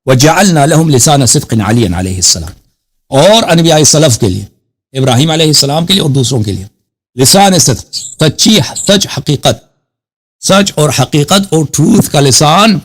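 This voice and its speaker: A man hosting a live call-in show, arguing hotly with a caller, cutting him off and reciting Arabic scripture slowly. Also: a little high, sing-song. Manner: combative, keeps cutting the caller off. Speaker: host. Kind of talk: heated live call-in debate.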